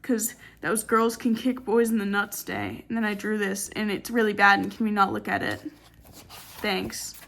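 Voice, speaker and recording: A tired young woman rambles through her sketchbook late at night, her voice a little high. She swears freely and tosses out sarcastic asides as she flips through pages. It sounds like a loose, unplanned chat recorded in a dim room. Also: a bit bright. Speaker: artist showing her sketchbook.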